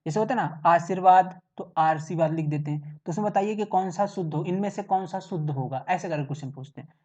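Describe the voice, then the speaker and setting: A man's voice: on the high side, quick pace, darkish tone. A man teaching an exam-prep lesson in a casual, chatty way, often checking in with his listeners. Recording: roomy, distant, dull sound.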